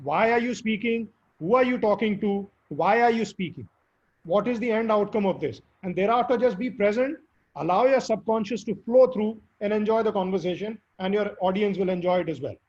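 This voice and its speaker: A man with a hoarse, squeaky voice from recent illness, answering interview questions earnestly and emphatically. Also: brisk, darkish tone. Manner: earnest, emphatic advice with fillers. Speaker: guest speaker. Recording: dull lo-fi audio.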